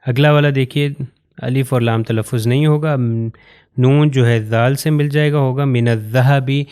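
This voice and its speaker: A man from Pakistan, teaching Quran recitation patiently and step by step, pointing to written examples and slowing down to recite phrases carefully. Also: mid-range voice, fairly even intonation, a little mellow, clean tone. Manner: slows down to recite Arabic phrases with care. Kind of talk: recorded lesson explaining to learners.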